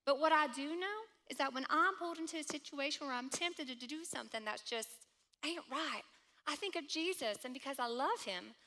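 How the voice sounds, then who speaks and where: A woman's voice: high voice, fairly quick, sharp tone. Woman playing a polite earnest townswoman. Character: kind, earnest young townswoman. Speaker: church drama actor.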